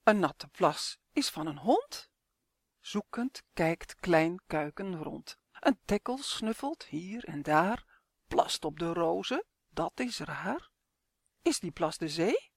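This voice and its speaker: A woman reading her own rhyming children's story aloud in a lively sing-song storytelling manner. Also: lowish voice, slow pace, no room sound, studio quality. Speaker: author and reader. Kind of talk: storybook narration.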